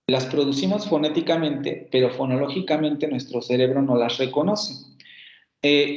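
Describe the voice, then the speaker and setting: A male lecturer with a Mexican Spanish accent explains phonetics in a slow, careful way, often restating his points. His voice sits a little high for a man. The recording sounds roomy and dull, like a lo-fi class capture. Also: a little mellow. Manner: slow, deliberate, often rephrases and checks "¿sí?" with students.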